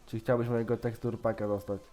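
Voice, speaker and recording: A man's voice: fairly low pitch, little pitch movement, quick pace, dark tone. A man chatting casually while gaming, teasing and pranking another player as a YouTuber. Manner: teasing, joking, playfully mocking.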